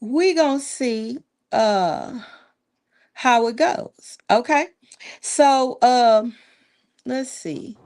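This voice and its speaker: A woman hosting a casual talk show, chatting in an animated, folksy way and repeating words for emphasis. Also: on the high side, extremely slow, long pauses. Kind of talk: casual live call-in style chat.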